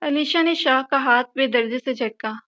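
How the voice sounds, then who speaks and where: A woman narrating a romantic audio novel in a steady storytelling manner. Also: high voice, moderate pace, dull audio.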